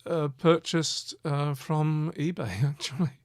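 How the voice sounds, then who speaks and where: Gravelly, hesitant man on a live chat. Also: on the high side, steady tone, takes it slowly, no room sound, clean studio sound. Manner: hesitant, many fillers and restarts. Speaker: co-host.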